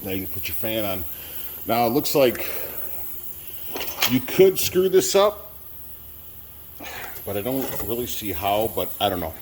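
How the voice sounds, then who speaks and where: A man's voice: fairly low pitch, very animated, unhurried, long pauses, a little mellow, slight background noise. A man with a lisp and whistling s from new braces, giving a casual, plain-spoken and unsure how-to narration as he works. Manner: plain-spoken, unsure, hedging first-timer. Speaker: DIY truck mechanic vlogger.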